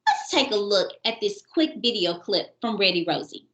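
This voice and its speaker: A woman's voice: mid-range voice, lively intonation, moderate pace, fairly bright tone, echoey room. A woman hosting a parenting show, giving upbeat, encouraging instructions to parents in a teacherly way. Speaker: host of a parenting show for kindergarten readiness. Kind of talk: scripted instructional talk to parents.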